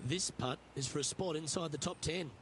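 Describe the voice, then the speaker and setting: A man's voice: fairly high pitch, fairly quick, a bit bright, a little hiss or hum, natural voice. A man playing the lead golf commentator in a video game, calling each shot in short running updates over outdoor ambience. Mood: composed, observant.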